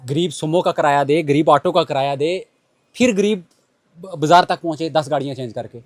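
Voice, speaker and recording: A man's voice: on the high side, a little fast, no echo. A man reporting from an outdoor market lane and interviewing shopkeepers, with earnest appeals to viewers. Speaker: street reporter.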